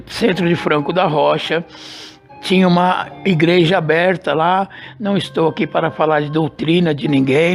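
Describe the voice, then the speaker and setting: A man giving an emotional personal church testimony, slow and dramatic, repeating phrases for emphasis. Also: on the high side. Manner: slow, deliberate storytelling.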